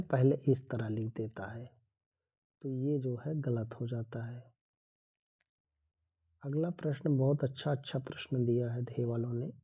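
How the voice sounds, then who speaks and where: Slow gravelly man teaching grammar. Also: mid-range voice, dark tone. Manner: slow, explanatory, walking through answers one by one. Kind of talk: exam-prep Hindi grammar lesson.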